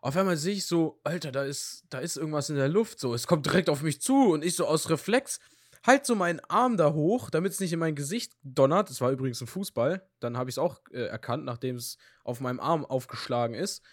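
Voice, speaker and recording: Young man, casual chat, lively slang, slightly high voice, dry recording. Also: fairly quick, no echo. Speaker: podcast co-host.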